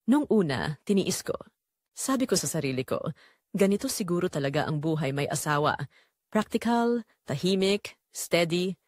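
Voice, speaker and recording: Speaking with a Filipino accent, a woman plays an unhappy wife and mother who confesses her betrayal through measured, reflective first-person audio drama narration. Her voice sits on the low side, and the studio-quality recording has no room sound.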